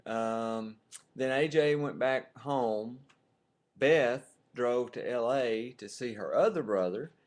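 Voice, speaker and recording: A man's voice: medium pitch, slow. A middle-aged man chatting casually into a webcam at home, joking and chuckling. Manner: jokey, playful, chuckles often. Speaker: co-host of a webcam video. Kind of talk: casual chat.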